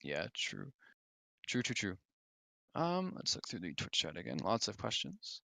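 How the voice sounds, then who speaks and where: A man's voice: lowish voice, wildly swooping pitch, unhurried, vocal fry, sharp tone, no room sound. A man hosting a casual livestream Q&A, reading viewer questions aloud in a chatty way with fillers. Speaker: stream host.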